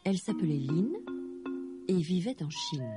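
A woman reads a children's tale aloud in a gentle, slow manner, her lowish voice rising and falling with lively expression. Soft music plays behind her throughout. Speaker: storyteller. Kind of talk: children's story reading. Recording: storybook reading over music.

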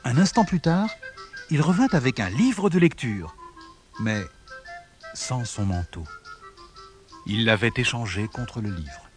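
Male storybook narrator: expressive and animated, over music. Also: medium pitch, takes it slowly, long pauses. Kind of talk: storybook read-aloud.

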